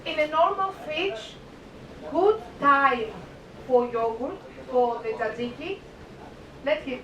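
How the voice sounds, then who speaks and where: A woman's voice: slow, fairly bright tone. A woman with a Greek accent gives a live cooking demonstration to an audience, playful and emphatic, repeating words and asking questions. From Greece. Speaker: cooking demonstrator on a cruise ship. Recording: echoey room, distant mic, noisy rumble.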